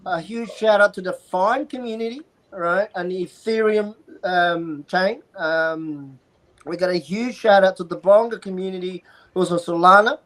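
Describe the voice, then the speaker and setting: A co-host on a casual livestream who works through a list of shout-outs. Hesitant fillers break up the lines. The voice sits at a middle pitch. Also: normal speed, rough recording.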